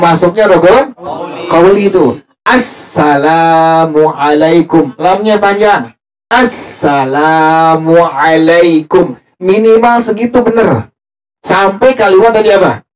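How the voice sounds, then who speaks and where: A male religious teacher leading a study group through prayer practice, repeating each point and quizzing his listeners. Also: high-pitched. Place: evening religious study gathering. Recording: distant mic with a group audible.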